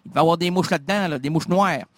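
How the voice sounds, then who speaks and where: A man's voice: a little high, fast talker, dry recording, studio quality. A man with a Québécois French accent, hosting a radio show with a rambling, absurd comic monologue full of stammered restarts. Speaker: radio host. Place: radio studio.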